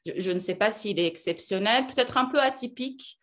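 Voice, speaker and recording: A woman's voice: medium pitch, a little fast, fairly bright tone. A middle-aged woman from Algeria, a lawyer being interviewed, talking with many fillers and restarts. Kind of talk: casual interview talk.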